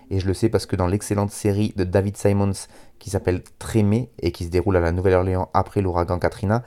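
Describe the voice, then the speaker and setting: Male radio host, French accent, deep mellow voice, casual solo presenting, hesitant and self-deprecating. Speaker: radio music show host.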